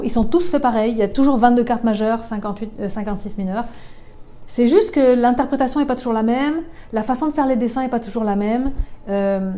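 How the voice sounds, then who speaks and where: A woman's voice: a little high, mellow. A woman, a tarot reader chatting informally to the viewer in a casual explanatory video.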